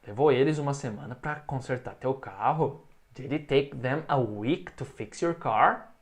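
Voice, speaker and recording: Man teaching English, slow repeated phrases. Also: medium pitch, expressive. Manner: explains in Portuguese, models English phrases slowly for repetition. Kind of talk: recorded online English lesson.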